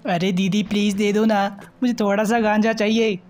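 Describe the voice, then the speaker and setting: A man's voice: high voice, little pitch movement, normal speed, natural voice. A man doing a whiny begging game gangster. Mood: pleading. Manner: whiny begging, then threatening. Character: pleading small-time male gangster in a game.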